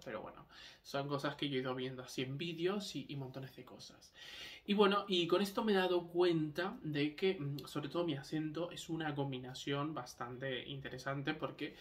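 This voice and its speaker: A man's voice: fairly high pitch, normal speed, far from the mic. A young man from Argentina with a partly Canarian Spanish accent, rambling casually to camera with many fillers and restarts. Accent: Argentine Spanish with Canarian touches. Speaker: vlogger.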